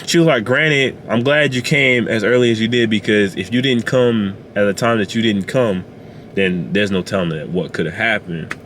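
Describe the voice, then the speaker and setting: Low-voiced guy in his car, telling his hospital story, lots of "like", faint hum behind. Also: a bit bright. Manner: halting, many "like" fillers and restarts. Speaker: vlogger sharing a personal testimony. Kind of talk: emotional personal storytelling. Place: inside a parked car.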